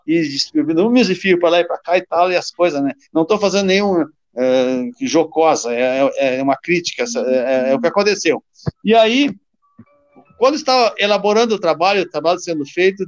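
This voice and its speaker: A former football player from southern Brazil telling stories in casual chat, halting and repeating words. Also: male voice, sits high. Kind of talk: casual storytelling on a call. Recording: dull lo-fi call audio.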